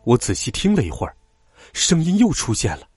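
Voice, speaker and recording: Male children's storyteller, husky voice, very lively intonation, faint music behind. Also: mid-range voice, fairly quick, no echo. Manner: animated, expressive storytelling. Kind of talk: scripted story narration for children.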